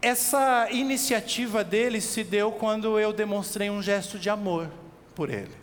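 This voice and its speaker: High-voiced Brazilian preacher in a reverberant hall. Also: male voice. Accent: Brazilian Portuguese. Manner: animated, asks the listeners direct questions, slows for emphasis. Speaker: pastor. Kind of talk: expository sermon. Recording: long reverb with faint background noise.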